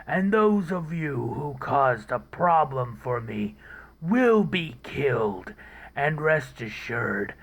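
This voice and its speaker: A man doing a gravelly whispering villain. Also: fairly high pitch, a bit bright, heavily acted. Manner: slow, threatening, drops into whispers. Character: menacing young male villain taking over.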